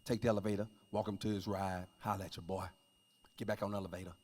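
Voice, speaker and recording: A male comedian with a Southern American accent telling stand-up stories in a church, swinging from loud outbursts to mumbled asides. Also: on the low side, flat delivery, fast. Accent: Southern American English. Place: church stage, live audience.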